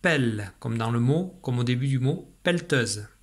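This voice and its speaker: Guy teacher talking to little kids, slow and patient, says each syllable again and again. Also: mid-range voice, lively intonation, darkish tone. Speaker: primary school teacher. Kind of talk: remote lesson for young children.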